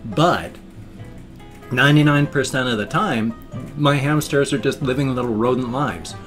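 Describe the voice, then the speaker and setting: A man with a mid-range, slightly bright voice talks at normal speed over soft background music. A vlogger showing off his pet hamsters, he chats casually and ramblingly to a webcam in a room at home, repeating and rephrasing himself and slightly slurring around loose, ill-fitting dentures.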